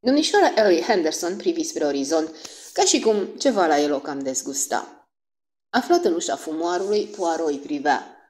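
A woman's voice: low-pitched, darkish tone. A woman narrating an audiobook expressively, voicing each character.

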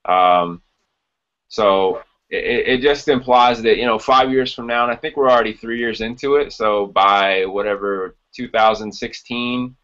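On a video call from a small room at home, a man in his thirties co-hosts a casual podcast, explaining things informally. His voice sits on the low side with a fairly bright tone, and he speaks unhurriedly with fairly even intonation. The computer call audio is dull and lo-fi.

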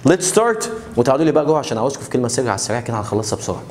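A young man with an Egyptian Arabic accent teaching English pronunciation in a casual video lesson, joking and boastful, slowing right down to spell out example words. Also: mid-range voice, very animated, background noise. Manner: boastful, joking, rapid chatty explanations with slow drawn-out example words.

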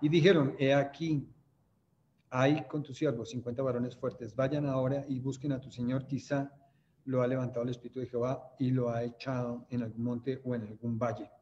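In a lo-fi clip with a bit of hiss or hum, a man speaks in a flat, darkish, mid-range voice at a moderate pace. With a Colombian Spanish accent, he reads scripture to a youth Bible study and unpacks it by asking questions. He checks in with the group often and mimics laughter as he recounts stories.

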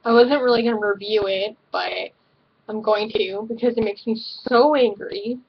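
A woman's voice: medium pitch, fairly even intonation, moderate pace, gravelly, husky, dull audio. A young woman in her bedroom talking straight to her webcam, earnest and indignant, full of "like" and "um" fillers. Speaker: YouTube video reviewer. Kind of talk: direct-to-camera opinion vlog. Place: small bedroom, indoors. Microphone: webcam at desk.

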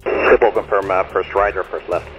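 Low-voiced fighter pilot on a dull radio channel, clipped readbacks, music underneath. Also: male voice, takes it slowly. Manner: terse, flat-voiced call-backs. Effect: pilot over aircraft radio.

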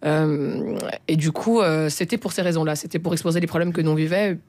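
A young woman who isn't a native French speaker is interviewed as a guest musician in a radio studio, talking through a studio mic while wearing headphones. Her voice is low, steady, and somewhat dark, and she speaks rather quickly with plenty of fillers and restarts. There's no room sound.

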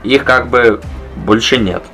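A man's voice: mid-range voice, slow pace, bright, forceful tone. A young adult man speaking scripted comic dialogue. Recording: music under the voice.

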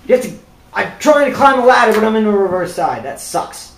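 A man's voice: sits high, lively intonation, fairly quick, vocal fry, roomy sound, slight background noise, low-quality recording. A young man joking around while playing a video game, silly and playful. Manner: goofy, playful, bursts of shouting. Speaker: gamer.

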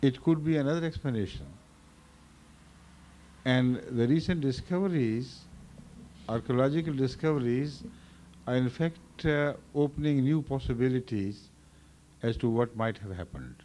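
Measured older man explaining calmly. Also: mid-range voice. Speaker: religious leader answering questions. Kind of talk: explanatory answer at a Q&A session. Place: large indoor hall. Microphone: standing microphone.

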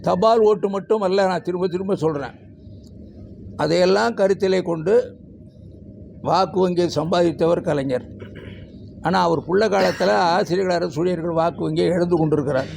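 A man's voice: fairly high pitch, vocal fry, mellow, a little hiss or hum. A man speaking as a teachers' union leader at a press conference, emphatic as he lists figures and demands.

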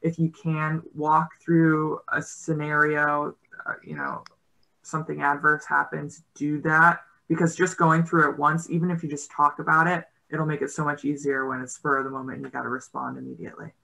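A woman's voice: low voice, normal speed, gravelly, bright, forceful tone, poor audio. A woman in her thirties, a rower on a panel, speaking on a video call in a thoughtful, hesitant way with many fillers. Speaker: guest rower. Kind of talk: casual panel discussion. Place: indoor home room. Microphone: video call laptop mic.

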